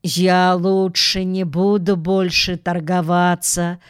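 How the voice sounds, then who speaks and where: A woman's voice: lowish voice, level tone, takes it slowly, smooth, no room sound, clean studio sound. Paddington, a woman reading as a polite little bear cub. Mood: apologetic. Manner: earnest, eager, apologetic.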